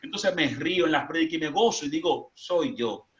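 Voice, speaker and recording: Man, Dominican accent, preacher, animated storyteller, slightly high voice, muffled lo-fi sound. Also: a little fast, a little hiss or hum. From Dominican Republic. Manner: jumps into high excited voices when quoting people.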